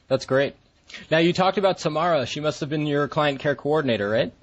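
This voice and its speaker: A man acting as interviewer asks short, prompting questions. His voice sits somewhat higher than usual for a man, with a husky edge. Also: fairly quick.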